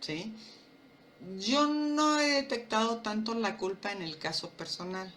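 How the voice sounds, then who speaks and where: Animated woman telling stories. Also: on the high side, unhurried, a little hiss or hum. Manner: animated storytelling, acting out dialogue. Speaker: nutrition and empowerment speaker. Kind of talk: personal talk to camera.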